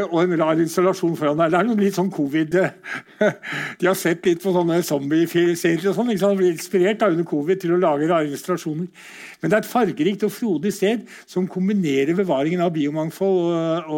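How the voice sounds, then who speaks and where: A high, slightly mellow male voice belongs to a middle-aged Norwegian giving a conversational slide lecture. His delivery is casual and peppered with rhetorical questions.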